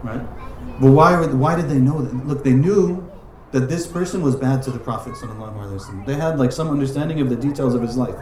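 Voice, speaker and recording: A man's voice: medium pitch, fast, few pauses, a little mellow. Man giving a casual religious lesson. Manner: conversational, many "like" and "right?" asides. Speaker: religious teacher. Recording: roomy echoing room.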